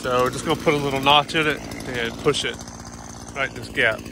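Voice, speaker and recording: Filming his job outdoors on a farm, a tree service worker briskly explains each step of a tree removal in casual, practical terms. His medium-pitched voice is fairly even with vocal fry, and chainsaw and tractor noise fill the background.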